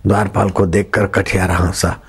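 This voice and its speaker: A man preaching a sermon, telling a story slowly with drawn-out phrasing and bursts of laughter. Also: low voice, level tone, slight background noise. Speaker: spiritual preacher.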